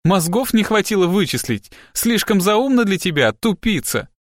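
A hysterical young woman with a coarse, rough voice, as a male narrator puts her on, lifted far above his own register. She speaks in shrill, venomous, tearful bursts, loud and spiteful. Heard on a close, dry audiobook recording. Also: big pitch swings, normal speed, no room sound. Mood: defiant. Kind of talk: audiobook character reading.

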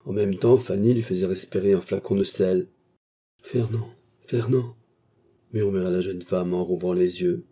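A man narrating a classic novel in a measured storytelling manner. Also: sits low, level tone, mellow. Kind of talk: audiobook narration.

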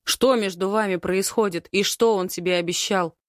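A woman's voice: medium pitch, steady tone, normal speed, no room sound, studio quality, lightly acted. A woman voicing a tense young man who is the narrator's protective older brother, speaking sternly and insistently. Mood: stern, urgent.

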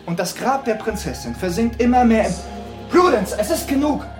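An actress playing a commanding woman NGO director who talks in a bossy, lively way in a radio play. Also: a little high, over music, close to an everyday voice. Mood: insistent. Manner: bossy, lively, shifting fast. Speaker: NGO head.

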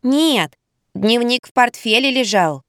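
A woman voicing a chatty, blunt little boy of six in an audiobook, speaking in a high, drawn-out childish way. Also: expressive, a bit bright, no echo, clean studio sound, full character voice. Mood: chattering.

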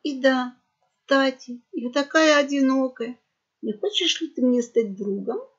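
A woman's voice: high-pitched, measured pace, husky, voice pushed up. A woman voicing a sly female cat pirate who purrs with false sweetness, on a dull lo-fi recording. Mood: flirting.

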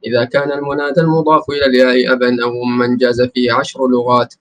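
A man's voice: medium pitch, flat delivery, very fast, fairly bright tone, slight background noise. A man reading a grammar text aloud for his teacher in a formal way.

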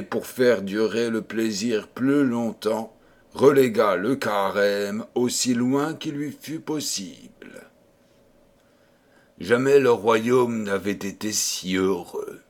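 Slow, measured male storybook narrator. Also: fairly low pitch, gravelly. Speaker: audiobook reader. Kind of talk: scripted narration.

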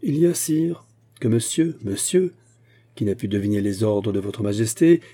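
A man's voice: medium pitch, mellow, slightly rough, natural voice. A man voicing an indignant veteran musketeer captain who hammers his words and swears.

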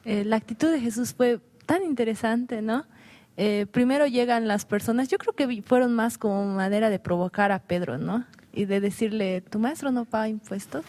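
A woman's voice: fairly high pitch, moderate pace, a little mellow. A woman in a casual discussion, reflecting aloud with hesitant fillers. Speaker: panelist.

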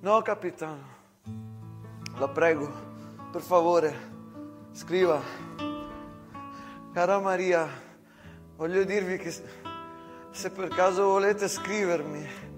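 A man's voice: high voice, slow pace, long pauses, over music. Romeo, a man doing a timid homesick soldier. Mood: tender. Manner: hesitant, stuttering, begging. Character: young homesick male soldier, timid, heartsick. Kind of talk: stage monologue.

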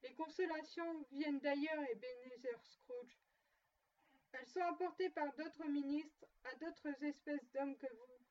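A woman voicing a tormented male ghost in chains, speaking in a slow, solemn, declaiming way. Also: high voice, darkish tone. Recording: muffled and distant.

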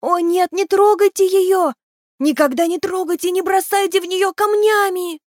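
A woman voicing a tiny, shaggy, frightened male creature with a thin, high, pleading voice. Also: steady tone, normal speed, darkish tone, dry recording, clean studio sound.

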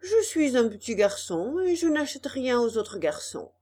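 A woman's voice: fairly high pitch, big pitch swings, unhurried, dark tone. A woman voicing a sensible, mocking young boy. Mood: scornful.

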